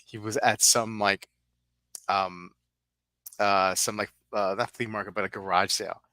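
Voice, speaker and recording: A man's voice: lowish voice, fairly even intonation, unhurried, pushed and bright, clear, resonant tone, no room sound. A man in his fifties co-hosting a casual livestream chat, talking loosely with plenty of fillers and tag questions. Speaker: livestream co-host.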